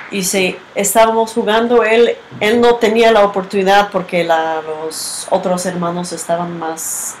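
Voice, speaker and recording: Give me a woman giving a slow, thoughtful group talk, her voice set against steady background noise. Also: on the low side. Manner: unhurried, halting, often ends with a questioning tag. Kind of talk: reflective teaching talk with a personal story.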